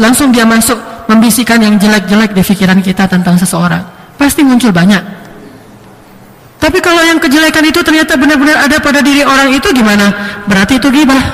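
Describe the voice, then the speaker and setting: A man preaching an Islamic sermon in a lively, teasing way, repeating and listing his points for emphasis. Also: very high-pitched. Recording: long hall reverb.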